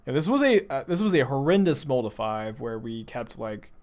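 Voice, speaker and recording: Very animated at a moderate pace, this young Texan streamer has a medium-pitched, slightly mellow voice and a mild urban Texan accent. He plays a card game for viewers, chatting and thinking aloud with dry, sarcastic commentary.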